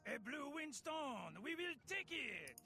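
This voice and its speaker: An actress playing a solemn, mournful creature companion with a creaky voice in a video game. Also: female voice, high-pitched, sing-song, slow, pushed and bright, faint music behind, exaggerated voice.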